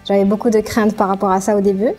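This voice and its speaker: Hesitant, gravelly young woman from Morocco. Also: mid-range voice, level tone, a little mellow, soft background music. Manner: hesitant, many filler pauses. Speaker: student. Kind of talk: student testimonial.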